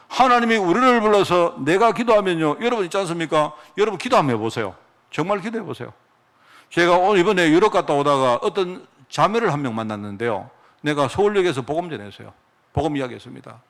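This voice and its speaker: A man preaching with a fairly high voice. His pitch rises and falls a great deal as he fires rhetorical questions at the congregation and tells homely stories. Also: very animated, quick pace, gravelly, fairly bright tone. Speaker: pastor. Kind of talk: sermon.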